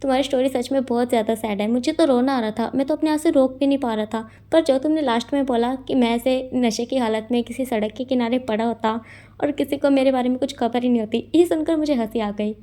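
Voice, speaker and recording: Playful young male lead, teasing and quick, storybook read, read by a woman in a high, mellow voice. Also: steady tone, lightly acted. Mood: apologetic. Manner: laughing, apologetic.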